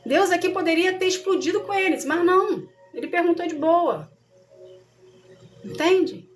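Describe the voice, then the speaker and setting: A woman's voice: very high voice, animated, moderate pace, soft background music. A Brazilian woman, a missionary, teaching a casual Bible study in a conversational way and often checking that her listeners follow.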